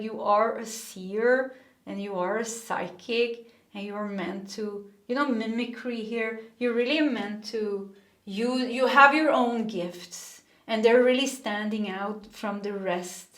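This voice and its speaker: A woman's voice: fairly high pitch, a bit bright, reverberant. A woman from Sweden giving a casual tarot reading, earnest and rambling, often restarting her sentences. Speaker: tarot reader.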